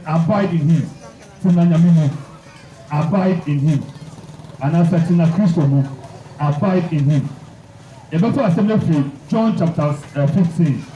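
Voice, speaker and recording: A male preacher reading scripture and repeating key lines for emphasis. His voice sits high but sounds mellow. It is recorded from a distance in an echoey room. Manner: prays blessings, then reads scripture aloud, repeating phrases for emphasis.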